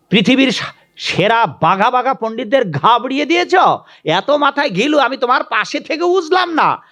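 A man's voice: fairly bright tone, exaggerated voice. A man voicing a female demon who marvels at her husband and presses him for his secret. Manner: high, wheedling and marvelling. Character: demoness wife, nagging, curious and doting.

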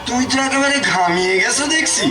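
A man's voice: extremely high pitch, quick pace, a crowd in the background. A man playing an eager, hospitable villager puppet in a folk-tale show, insistently repeating his words. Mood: fussing, coaxing. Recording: echoey, distant, very noisy.

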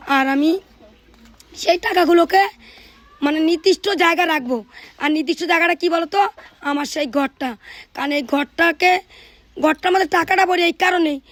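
A woman's voice: very high voice, normal speed, pauses often, a bit bright, no echo. A woman in her thirties, a mother of three, narrating her household chores in a chatty way that speaks straight to her viewers. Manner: chatty, addresses viewers directly. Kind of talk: casual household vlog narration.

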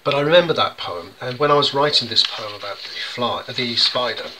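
A man's voice: mid-range voice, lively intonation, brisk, crowd noise, rough recording. An English man, a children's poet, chatting through how he illustrates his poems, with many ums and restarts. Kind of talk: casual explanatory demonstration.

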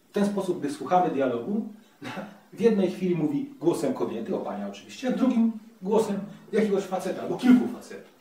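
A man's voice: sits high, sing-song, brisk, warm tone. Male host, chatty playful review, far from the mic in a very echoey room. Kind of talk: casual video review.

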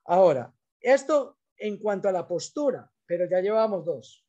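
A man's voice: high-pitched, animated, moderate pace, dark tone, highs cut off. A man giving a business training talk, coaching salespeople in an emphatic, direct way.

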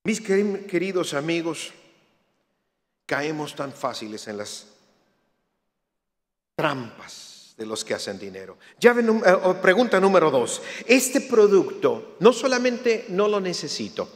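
A man giving a lively church talk, a jokey storyteller who acts out other people's lines. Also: on the high side, a little slow. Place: church hall. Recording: reverberant hall.

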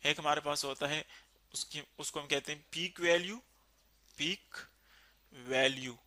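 Bright-voiced man explaining physics step by step. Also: a little high, fairly even intonation. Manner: slow, step-by-step explaining, repeating key terms. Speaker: physics teacher. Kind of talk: explaining a physics lesson at a board.

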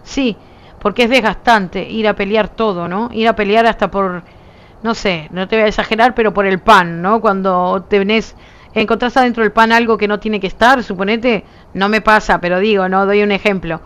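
A woman's voice: medium pitch, steady tone, normal speed, fairly bright tone, clean tone. A woman with a Uruguayan accent, chatting casually with her viewers as a streamer, emphatic and insistent, her voice nearly gone. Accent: Uruguayan Spanish. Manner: emphatic, talks with her hands in her voice, frequent "¿viste?". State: nearly lost voice.

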